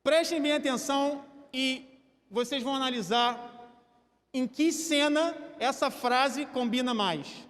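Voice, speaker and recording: High-voiced Brazilian preacher in a reverberant church. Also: male voice, slow. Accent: Brazilian Portuguese. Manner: animated, engages the congregation with a staged demonstration. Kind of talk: sermon. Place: church hall. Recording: church hall with long reverb.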